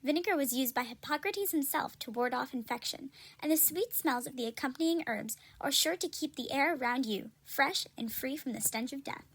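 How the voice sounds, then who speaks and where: A woman playing an upbeat, salesy pitchwoman in a parody pharmaceutical ad, persuasive and scripted. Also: fairly quick, few pauses, fairly bright tone. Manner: salesy, persuasive announcer delivery. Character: upbeat 17th-century female drug-commercial pitchwoman selling cures.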